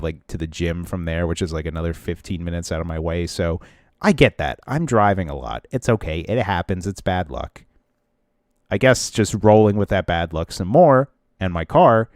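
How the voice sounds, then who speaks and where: In a dry, studio-quality recording, a podcast co-host with a low, congested, blocked-up voice spins a lengthy, meandering tale. He keeps starting over and letting sentences trail away, in a casual show.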